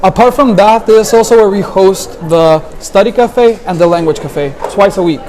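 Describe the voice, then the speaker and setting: A man's voice: high voice, normal speed, a little mellow, slight background noise, rough recording. A young man from Guatemala, a student guide reading a friendly scripted tour. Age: young adult.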